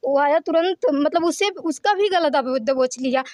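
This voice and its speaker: Woman, high voice, dry sound, long shaken account, quoting threats. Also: normal speed, a little mellow, dry recording. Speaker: victim's sister, interviewee. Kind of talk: recounting an attack to a reporter.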